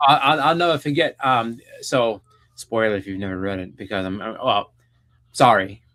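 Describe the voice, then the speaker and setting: A man's voice: fairly low pitch, normal speed, fairly bright tone. A man hosting a live stream, chatting casually about comics in a rambling way with many restarts.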